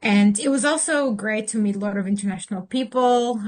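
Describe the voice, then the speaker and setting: A woman from Slovakia in her thirties, speaking in a mid-range voice as an interview guest. She answers thoughtfully, pausing with fillers and restarting her sentences as she goes. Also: mid-range voice, a little mellow.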